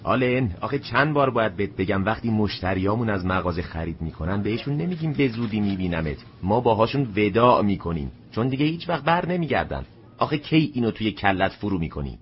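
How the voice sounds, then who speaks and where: A man's voice: low-pitched, expressive, hardly any pauses, slight background noise. A man voicing a bitter, nagging shopkeeper mother in an audio story, scolding sharply. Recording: dull lo-fi recording.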